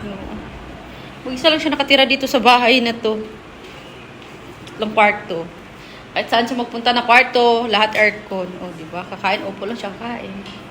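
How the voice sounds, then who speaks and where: A woman's voice: a little high, normal speed, long pauses, a bit bright, slight background noise. A woman vlogger giving a teasing, playful house tour, laughing often as she chats.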